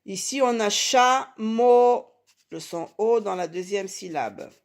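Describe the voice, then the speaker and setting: A woman's voice: mid-range voice, expressive, creaky, darkish tone. A woman giving an early reading lesson to children, sounding out words syllable by syllable and repeating them patiently. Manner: slow, syllable-by-syllable, emphatic on key sounds. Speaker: teacher.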